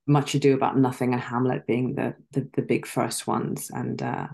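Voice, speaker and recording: Woman, middle-aged, from Zimbabwe, gravelly voice, articulate, reflective, video call interview. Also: extremely low pitch, level tone, normal speed. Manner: articulate, reflective, with soft laughs and filler ums. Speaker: actress and guest. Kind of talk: casual interview chat. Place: dim room at home.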